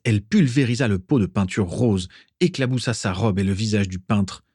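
A man narrating an audiobook with expressive, dramatic storytelling. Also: fairly low pitch, slightly rough, dry recording, clean studio sound. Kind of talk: audiobook reading.

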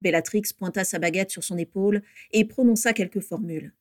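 A woman reading a story aloud with steady, measured narration. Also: mid-range voice, no room sound, clean studio sound.

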